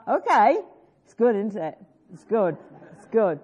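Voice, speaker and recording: Speaking a little slowly at medium pitch with big pitch swings and a slightly mellow quality, a growly-voiced woman preaches and teaches a worship song. She earnestly urges the congregation and coaxes them to join in, heard on a dull lo-fi recording with slight background noise.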